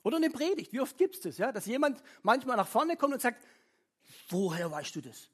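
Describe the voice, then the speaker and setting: Middle-aged preacher, husky tone, casual devotional sermon with scripture reading. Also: high-pitched, expressive, brisk, fairly bright tone. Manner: chatty, keeps asking "ja?" of listeners; reads scripture aloud between remarks.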